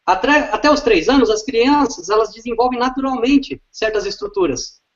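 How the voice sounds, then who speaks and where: A man's voice: very high voice, moderate pace. A man, an educator explaining literacy step by step and often checking with tag questions. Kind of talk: didactic explanation in conversation. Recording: dull lo-fi recording.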